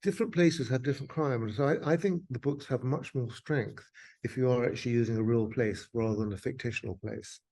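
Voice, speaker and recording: A man's voice: mid-range voice, a little fast, warm tone. A man from England, a crime novelist, chatting and telling anecdotes in a video interview. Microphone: video call.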